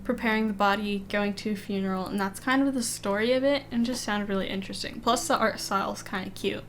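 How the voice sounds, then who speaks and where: A woman's voice: medium pitch, a little fast, a little hiss or hum. A woman chatting casually as she streams a video game, with a slight lisp from the dental aligners she is wearing. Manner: casual, rambling, reading game text aloud between remarks. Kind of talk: casual chat while playing a video game. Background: game music.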